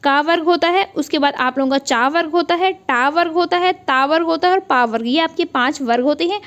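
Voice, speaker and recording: A woman's voice: sits high, brisk, a bit bright, lo-fi sound. A young woman teaching an online exam-prep class, mixing English words into Hindi and repeating key points as questions she then answers herself. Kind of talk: online lecture.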